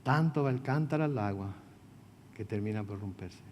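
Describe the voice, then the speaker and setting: A man's voice: lowish voice, normal speed, a little mellow, a little hiss or hum. A male pastor giving a midweek Bible study, talking conversationally, putting questions to his listeners and adding joking asides. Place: church meeting room. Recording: long reverb of a hall.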